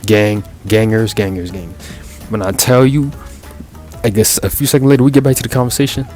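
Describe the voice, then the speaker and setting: A young man, telling a rambling, profane, animated story in casual chat, full of fillers and restarts. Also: lowish voice, a little fast, soft background music. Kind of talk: casual story time over gameplay.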